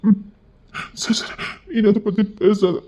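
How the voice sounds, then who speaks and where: A man's voice: high-pitched, level tone, takes it slowly, mellow. A male storyteller who reads an audio love story, voicing its characters with emotional, tearful delivery. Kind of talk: dramatic audio story narration. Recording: dull lo-fi recording.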